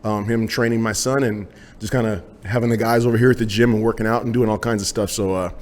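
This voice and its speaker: Relaxed male podcast host, mid-pitched. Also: fast talker. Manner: relaxed, loose talk with many fillers and repeated yeahs. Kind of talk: casual interview. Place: small home gym.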